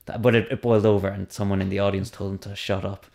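A man with a fairly low voice chats casually on a comedy podcast. He talks hesitantly, with many restarts and trailing thoughts, and is self-deprecating about his own stage mishaps. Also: little pitch movement, fast, gravelly, a little mellow. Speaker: stand-up comedian.

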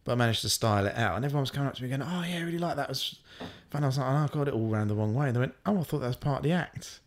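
A man, a comedian hosting a podcast, asking questions and telling stories in an animated, chatty way. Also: mid-range voice, racing. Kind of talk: casual podcast chat.

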